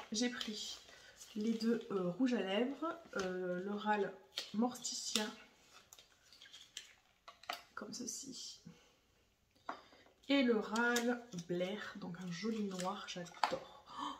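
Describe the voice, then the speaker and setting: A young woman vlogger unboxing makeup in casual chat, gushing and excitable as she talks to her viewers. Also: fairly high pitch, background noise. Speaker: beauty vlogger. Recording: echoey room, voice a bit far from the mic.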